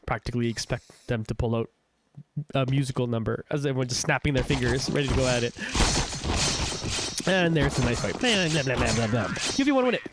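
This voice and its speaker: Against a noisy background, a young man casts a game on a livestream, his medium-pitched voice stuffy from a cold. As an esports shoutcaster he gives loose play-by-play, rambling along with many fillers and restarts.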